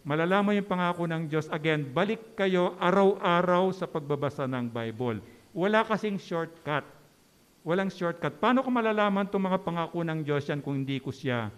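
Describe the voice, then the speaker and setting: A pastor with a high, clear, resonant voice preaches a sermon in a church, keeping it conversational and joking with the congregation. He often checks in with them by asking "di ba?" The recording carries a long church-hall reverb.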